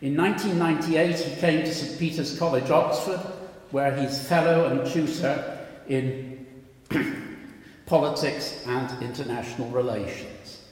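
Slow-paced man chairing in an echoey hall. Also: a little high. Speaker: session chair introducing speakers. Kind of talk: formal introduction at an academic event. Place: large reverberant lecture hall. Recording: very echoey hall, long reverb.

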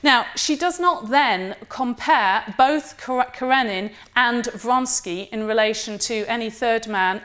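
A woman giving an academic lecture in a measured, precise way, sometimes correcting herself mid-phrase. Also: on the high side, a bit bright. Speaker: university lecturer.

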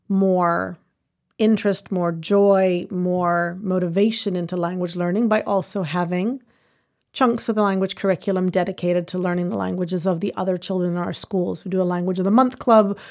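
Her voice sits on the low side, with a darkish tone. She's a language education expert being interviewed, walking through her points in sequence with earnest, measured conversational explanation.

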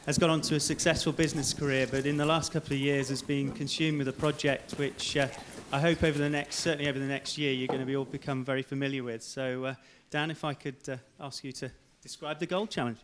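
A very polite, hesitant man giving formal remarks as the host of an event, speaking haltingly. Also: mid-range voice, fairly even intonation. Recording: echoey room with background noise.

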